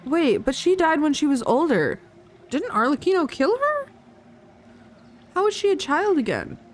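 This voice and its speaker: A woman live streamer plays a video game and reacts aloud in casual, exclamatory commentary, talking back at the game. Her high-pitched voice is very animated and moves at normal speed.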